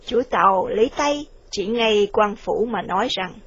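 A woman reading a novel aloud in a plain, slightly halting manner. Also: medium pitch, lively intonation, slightly rough, no room sound. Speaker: narrator. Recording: dull lo-fi recording.

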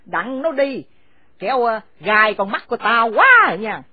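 A high, wildly swooping old matriarch spits insults in a rage, as a woman puts her on. The voice comes across dry and thin, as if over a phone line. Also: animated, a little slow, husky, no echo. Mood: furious scolding. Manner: screaming insults, shrill and scornful. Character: furious elderly mother-in-law, harsh and domineering. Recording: dry, phone-like narrow sound.

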